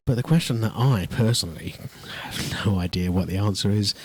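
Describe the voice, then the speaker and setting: A man's voice: fairly low pitch, a little fast, breathy edge. A man hosting a local radio show, chatty and joking, often repeating his words. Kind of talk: casual radio chat. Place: radio studio.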